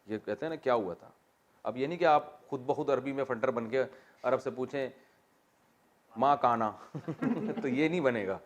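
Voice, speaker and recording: A man giving a classroom lecture on Quranic Arabic grammar. He explains each point step by step, quizzes his listeners with questions, recites verses in a slow, drawn-out way and jokes now and then. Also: medium pitch, expressive.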